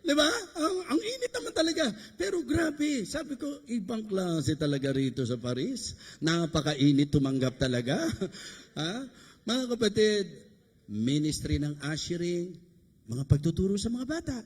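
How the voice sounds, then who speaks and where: A man's voice: on the high side, very animated, a little slow, darkish tone, slightly rough. A man from the Philippines preaching a sermon, bantering and joking with the congregation between points. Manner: joking, conversational preaching with rhetorical asides to the congregation. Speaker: bishop preaching. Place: church service abroad. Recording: echoey church hall.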